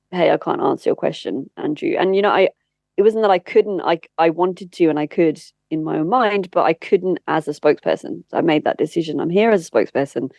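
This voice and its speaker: Her voice sits low, creaky and darkish, with no room sound. She's a campaigner and former spokesperson appearing as an interview guest, speaking earnestly and candidly as she explains in a conversational manner.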